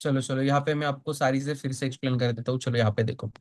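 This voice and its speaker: A man's voice: medium pitch, steady tone, very fast, darkish tone. A man teaching a live online stock trading class. He keeps asking the class questions, answers them himself, and checks in often to make sure they follow.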